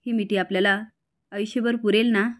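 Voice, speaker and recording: A woman's voice: medium pitch, steady tone, a little fast, natural voice. A woman voicing a tender young woman in love, saying a tearful goodbye in a retold TV serial.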